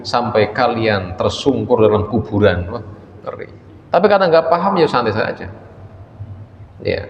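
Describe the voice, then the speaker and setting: A man's voice: medium pitch, slight background noise. A male preacher gives a folksy, conversational mosque lecture, speaking to his listeners directly and slipping in words. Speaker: preacher teaching a religious study circle. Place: mosque hall. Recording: echoey dull mosque hall recording.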